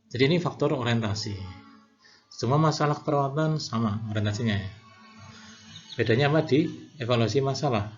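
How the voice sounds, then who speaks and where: A man's voice: mid-range voice, fairly quick, long pauses, lo-fi sound, soft background music. A man teaching nursing students, explaining step by step and acting out what a nurse says to a patient, with frequent fillers and self-corrections. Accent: Indonesian. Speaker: nursing lecturer. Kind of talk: classroom lecture with role-play examples.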